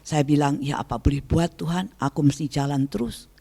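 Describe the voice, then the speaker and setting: A woman in her sixties gives her testimony from the pulpit as a guest preacher. She tells her story in a lively way and acts out the dialogue in a raised voice. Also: fairly quick, creaky. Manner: storytelling, acts out her prayers and God's replies in a higher voice. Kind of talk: sermon testimony.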